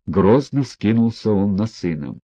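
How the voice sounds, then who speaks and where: A man narrating a classic novel in a measured, even storytelling manner. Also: fairly low pitch, no room sound. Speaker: audiobook reader. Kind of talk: literary audiobook narration. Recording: dull lo-fi recording.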